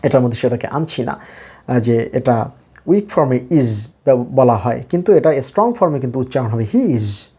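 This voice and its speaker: A man with a Bangladeshi accent teaching an English lesson, explaining slowly and repeating key words. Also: mid-range voice, lively intonation, mellow, slightly rough. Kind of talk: spoken language lesson.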